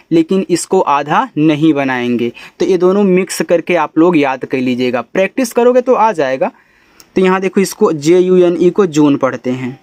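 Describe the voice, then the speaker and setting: A man, teaching English phonics, spelling letters out slowly and sounding words out in a chatty way. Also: high voice, darkish tone, no room sound. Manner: calls the listener brother, chatty teaching. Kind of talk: phonics lesson for beginners.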